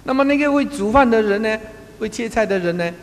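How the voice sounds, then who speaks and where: A man giving a Buddhist Dharma talk as a monastic teacher, telling anecdotes in an animated way and chuckling often. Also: high-pitched, quick pace, big-room sound, a little hiss or hum.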